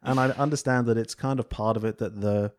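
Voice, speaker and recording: Male podcast co-host, mid-pitched voice, casual film chat with puns and restarts. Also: fairly even intonation, fairly quick. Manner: jokey, makes puns, trails off and restarts.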